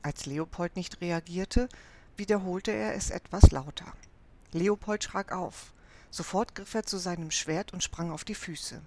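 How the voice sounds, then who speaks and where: Eine Frau, die ruhig und gleichmäßig ein Kinderabenteuerbuch vorliest. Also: female voice, fairly low pitch, unhurried, mellow, a little hiss or hum. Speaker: audiobook narrator. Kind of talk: scripted narration of a children's adventure book.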